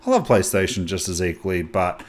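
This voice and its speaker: Excitable, rambling man. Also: low voice, fairly quick. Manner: excitable, rambling with frequent restarts and self-corrections. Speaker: gaming channel host. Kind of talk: casual game haul chat.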